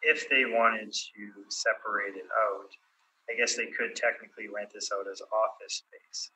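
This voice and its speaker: A man testifying as a city assessor, heard over a remote call that breaks up, answering questions in a halting, hesitant way. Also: lowish voice, fairly even intonation, bright, forceful tone, reverberant, a little hiss or hum, rough recording. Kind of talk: testimony under cross-examination.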